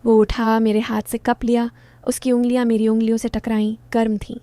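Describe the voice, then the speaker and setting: A woman's voice: on the high side, level tone, fairly quick, mellow, smooth, no echo. A woman in her twenties telling a first-person story in short, teasing phrases. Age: 20s.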